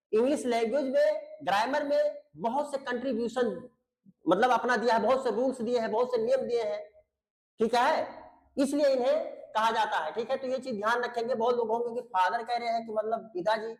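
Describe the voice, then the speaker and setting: A man's voice: extremely high pitch, steady tone, normal speed, roomy sound. A man teaching English grammar in an online video lecture. He explains patiently, repeats his points, checks that students follow, and calls them beta and babu.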